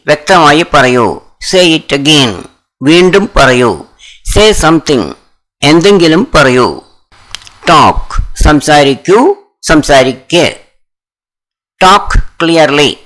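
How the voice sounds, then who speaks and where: A man's voice: fairly high pitch, a bit bright, poor audio. A man with a Malayali accent teaching spoken English, reading short commands one at a time, each followed by its translation. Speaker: language teacher. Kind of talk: slow, deliberate phrase-by-phrase reading.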